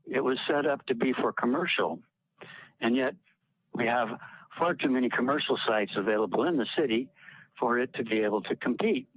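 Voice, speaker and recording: Guy on an old flip phone line, earnest public comment, husky voice, super tinny. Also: medium pitch, dry recording. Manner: earnest, urging. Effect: old flip phone call. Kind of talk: public comment at a civic meeting.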